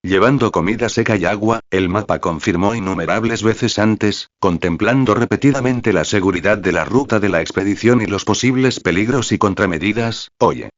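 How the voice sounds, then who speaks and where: A man narrating a story in an even, steady reading voice. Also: fairly low pitch, normal speed, hardly any pauses, no echo, lo-fi sound.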